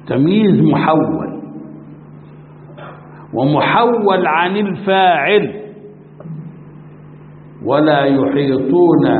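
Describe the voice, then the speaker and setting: A man with an Egyptian Arabic accent, a sheikh teaching a religious class, who keeps quizzing his students and stretches out key words slowly for emphasis. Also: fairly high pitch. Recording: tinny lo-fi recording in a reverberant hall with faint noise.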